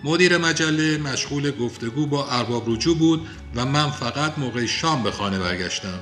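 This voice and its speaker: A man putting on an imperious middle-aged father, clipped and severe, with a bright, forceful edge over faint music in an audiobook reading. He speaks in short, commanding sentences. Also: mid-range voice, animated, natural voice. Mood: tense.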